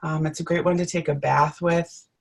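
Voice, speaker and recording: A woman's voice: deep voice, fairly even intonation, moderate pace, gravelly. A woman co-hosting a live webinar, explaining things in a friendly, casual way with frequent ums. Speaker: webinar co-host. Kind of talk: casual presenting.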